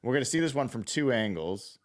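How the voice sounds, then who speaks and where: A man hosting a casual podcast, asking quick questions in a relaxed way. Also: medium pitch. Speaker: podcast host.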